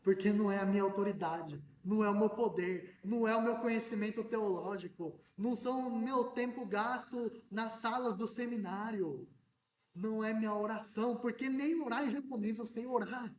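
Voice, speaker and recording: A man preaching a sermon as a pastor, in an animated way that now and then breaks into shouting. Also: high voice, moderate pace. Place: church hall. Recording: echoey church hall, mic at a distance.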